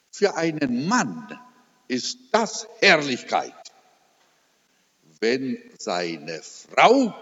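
An older man preaching a personal sermon testimony, telling his story slowly and with emotion, rising to emphatic peaks. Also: mid-range voice, a bit bright, husky. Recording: dull recording with long hall reverb.

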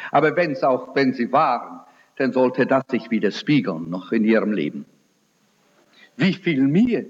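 A man preaching a sermon in a loud, forceful voice. He asks impassioned rhetorical questions and builds slowly to emphatic points. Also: medium pitch. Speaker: evangelist preacher. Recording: echoey hall, dull lo-fi sound.

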